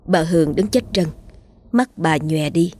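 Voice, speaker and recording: A woman narrating a storybook in a measured, descriptive way. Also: lowish voice, mellow, a little hiss or hum. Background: faint background music.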